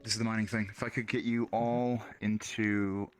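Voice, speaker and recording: A man organizing a roleplay session, giving instructions in a hesitant, halting way. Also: fairly low pitch, flat delivery, smooth, soft background music. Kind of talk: casual voice chat.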